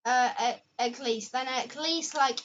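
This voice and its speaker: High-pitched woman host, loose rambling chat, muffled lo-fi audio. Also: a little slow, a bit bright. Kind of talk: casual reaction chat. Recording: dull lo-fi audio.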